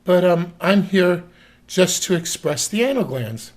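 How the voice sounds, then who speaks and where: This is a busy woman at the vet who brushes off the doctor, as a man puts her on in a storytelling video. The voice is pushed higher and sounds hurried and dismissive. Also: expressive.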